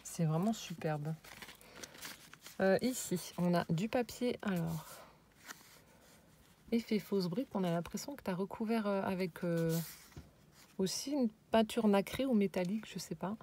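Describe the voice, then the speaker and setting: A woman casually showing a handmade scrapbook album, hesitant and searching for words, and often dropping into soft, admiring whispered asides. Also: medium pitch, moderate pace, a little hiss or hum. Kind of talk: casual show-and-tell.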